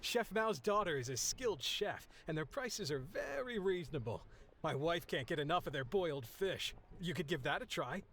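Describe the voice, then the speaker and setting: An actor playing a nervous, flustered sailor captain in a video game, halting and stammering. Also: male voice, fairly high pitch, animated, fairly bright tone, a little hiss or hum. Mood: nervous, polite.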